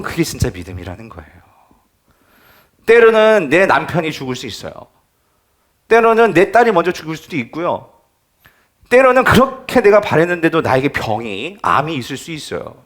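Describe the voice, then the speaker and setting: A man's voice: a little high, fairly bright tone. A male pastor preaching a sermon in church, emphatic and often asking the congregation questions.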